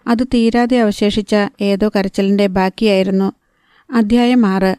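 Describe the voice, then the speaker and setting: A woman narrating a novel as an audiobook, calm and steady, on a close microphone. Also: mid-range voice, a little slow, clean tone, no room sound.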